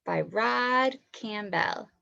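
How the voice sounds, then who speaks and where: Slow, encouraging woman teacher reading aloud. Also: mid-range voice, gravelly, sharp tone, lo-fi sound. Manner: encouraging, asks children questions and praises answers. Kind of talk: online read-aloud lesson for young children.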